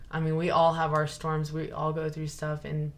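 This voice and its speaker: Woman, young adult, low-pitched, earnest, rambling, casual chat. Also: monotone, moderate pace. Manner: earnest, rambling with many fillers and restarts. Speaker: guest sharing her story.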